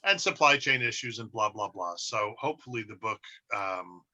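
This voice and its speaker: A man's voice: lowish voice, expressive, moderate pace, crowd noise. A man, a guest writer on a podcast, chatting casually with wry, joking asides. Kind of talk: casual interview chat.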